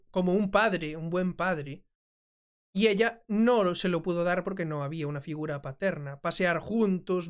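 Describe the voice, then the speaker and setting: A woman hosting a commentary video, translating and reacting to clips in a chatty way, often asking "mm?". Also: mid-range voice. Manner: conversational, frequent checking "¿mm?". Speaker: commentary host.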